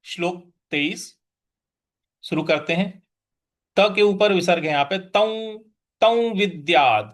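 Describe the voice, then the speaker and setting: Slow, high-voiced man teaching scripture. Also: a bit bright. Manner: patient, explains pronunciation syllable by syllable; chants verses in a drawn-out, sung tone. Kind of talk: slow recitation lesson.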